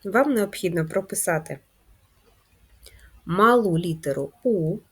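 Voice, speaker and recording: A woman teaching first graders in a video lesson, speaking slowly and clearly in a sing-song way for young children. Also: fairly low pitch, expressive, fairly bright tone. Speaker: primary school teacher.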